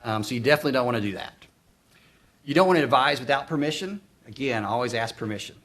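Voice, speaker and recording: A man's voice: mid-range voice, lively intonation, fast talker, fairly bright tone. Man, Arkansas accent, conversational workshop instructor, distant mic, roomy echo. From Arkansas, United States. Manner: conversational, asks and echoes back answers. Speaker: instructor presenting at a conference. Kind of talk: interactive workshop lecture with questions to the audience. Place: conference room, behind faint room noise.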